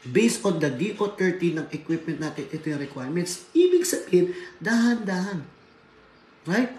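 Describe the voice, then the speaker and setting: A man's voice: sits high, very animated, normal speed, darkish tone. A man from the Philippines giving a workplace safety seminar lecture, switching between Tagalog and English and often adding tag questions like "right?". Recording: echoey room, faint background noise.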